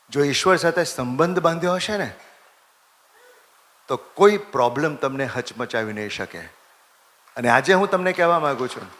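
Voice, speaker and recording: A man's voice: a little high, pushed and bright. A man, a priest, preaching a sermon, repeating phrases for emphasis and putting questions to the congregation.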